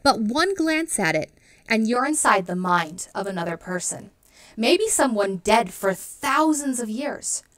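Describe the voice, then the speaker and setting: In a dry recording, a thirties-aged female teacher with a somewhat high voice reads a picture book aloud to little kids through a headset mic. Lively and expressive, she stops now and then to explain things slowly and simply. Behind her small home studio setup is a classroom wall.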